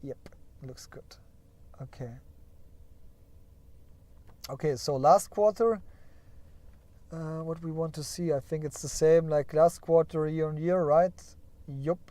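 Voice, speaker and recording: A man with a fairly high, mellow voice speaks slowly with long pauses, recorded without room sound. As a stock market streamer sharing his screen, he casually talks through company earnings aloud, hedging with "yeah?" and joking about crying over them.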